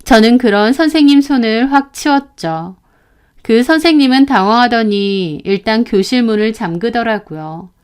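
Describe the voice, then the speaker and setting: Smooth-voiced woman narrating a story. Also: a little high, normal speed. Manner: confiding storyteller, plain and steady. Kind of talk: scripted first-person story narration.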